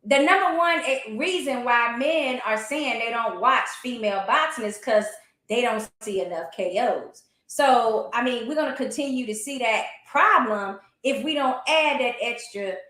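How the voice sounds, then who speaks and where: A high-pitched woman gives her opinions in a casual boxing discussion. She is emphatic and colloquial in her delivery. The sound is roomy and echoey. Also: moderate pace, pushed and bright. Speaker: boxing talk show commentator. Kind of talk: animated casual sports discussion.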